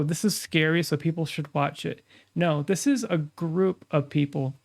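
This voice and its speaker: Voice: mid-range voice, vocal fry. A streamer hosting a casual live reaction, talking with a stuffy nasal sound, as if pinching the nose. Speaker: streamer and host.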